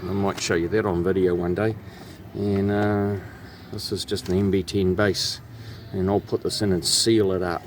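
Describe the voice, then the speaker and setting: A low-voiced man with a New Zealand accent talks at normal speed with little pitch movement. As a radio technician narrating his own repair video in and around a truck cab, he walks through the hands-on work in a casual, matter-of-fact way, with clear background noise and vehicle ambience.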